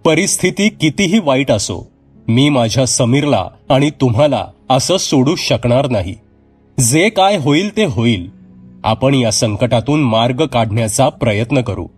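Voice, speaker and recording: A man's voice: medium pitch, animated, unhurried, husky, faint music behind. A man voicing a frightened, earnest young woman who pleads and raises her voice in distress. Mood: resolute.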